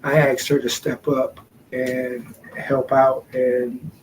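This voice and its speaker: A man co-hosting a podcast in a laid-back, joking way, speaking slowly. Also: mid-range voice, flat delivery, a little hiss or hum, poor audio. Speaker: podcast co-host. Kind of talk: casual podcast chat.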